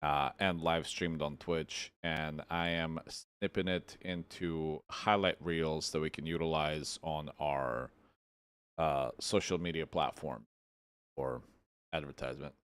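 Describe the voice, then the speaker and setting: A man's voice: very deep voice, fairly even intonation, slow, a bit bright, clean tone. A man hosting a livestream, chatting laid-back with viewers while he edits podcast clips. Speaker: streamer and podcast host. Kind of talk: casual livestream chat.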